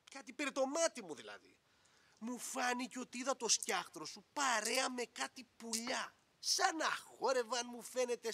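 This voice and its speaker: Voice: mid-range voice, bright, forceful tone. An actor playing a rambling, nosy old village man in a children's radio play, hedging and meandering as he talks.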